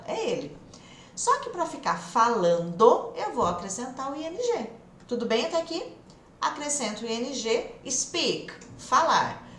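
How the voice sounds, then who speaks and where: Female teacher, Brazilian accent, fairly high voice, energetic and direct, recorded in an echoey room. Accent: Brazilian Portuguese. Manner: lively, direct, stretches words for emphasis. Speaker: English teacher. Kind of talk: online English lesson. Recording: echoey room with faint noise.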